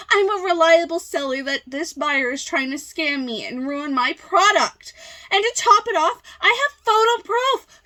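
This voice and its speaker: An irate woman seller shrieks her complaints as a woman puts her on, her voice jumping high above her usual register. She is loud and indignant, and she drags out her stressed words for effect. Everything she says sounds wounded and accusing. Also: heavily acted, poor audio. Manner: shrill, outraged, drawn-out emphasis.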